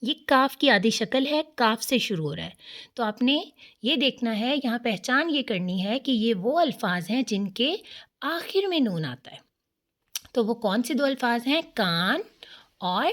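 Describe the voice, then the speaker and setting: A woman teacher giving a children's lesson, patiently sounding out letters slowly for young learners to repeat and praising them. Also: on the high side, very animated. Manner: patient and encouraging.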